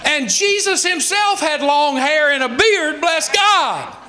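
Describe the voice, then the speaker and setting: Taking his time, a pastor in his sixties with a Southern American accent speaks in a very high-pitched, expressive voice that sounds pushed and bright. His emphatic sermon leans on rhetorical questions and folksy asides.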